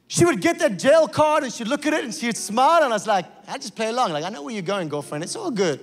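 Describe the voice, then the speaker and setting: A male pastor preaching a sermon in a church, telling stories and acting out voices with lively energy. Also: extremely high pitch, long reverb tail. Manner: animated storytelling with acted-out voices. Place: church sanctuary.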